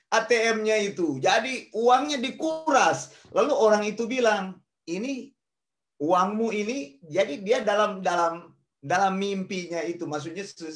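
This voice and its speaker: A man's voice: high-pitched, fairly bright tone. A man teaching the Bible in sermon style, telling a story and addressing his listeners directly. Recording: roomy echo.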